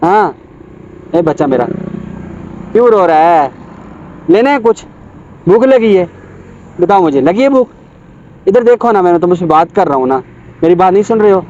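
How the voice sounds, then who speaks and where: A man talks gently and coaxingly outdoors, repeating his questions. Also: sits high, expressive, moderate pace, pauses often, dull audio, slight background noise. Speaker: passerby filming. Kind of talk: casual street talk.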